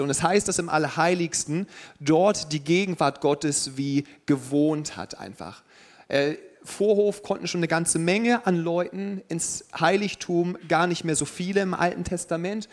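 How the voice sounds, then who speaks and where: A young man preaching a sermon to a congregation in a relaxed way, with joking asides. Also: fairly high pitch.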